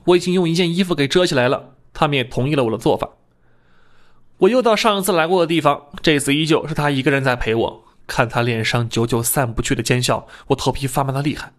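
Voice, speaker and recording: A man narrating a first-person novel in a lively, comic storytelling manner. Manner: lively comic storytelling, jumps higher for his own quoted lines. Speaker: audiobook narrator.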